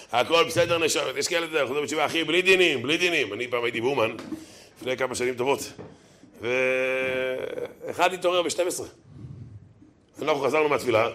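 A man giving a lively sermon, telling stories and acting out the voices of the people in them, chuckling often. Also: medium pitch. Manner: animated, acts out quoted voices, chuckles often. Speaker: rabbi preacher.

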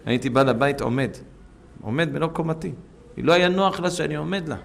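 A man with a fairly high, creaky voice delivers a story-filled sermon, moving between loud urging and hushed asides and referring to his listeners as friends.

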